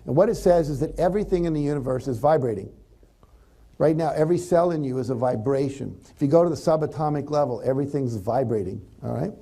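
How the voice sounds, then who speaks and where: A man's voice: a little high, fast talker, mellow. A man giving a conversational motivational talk to an audience, animatedly acting out example thoughts. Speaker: motivational speaker.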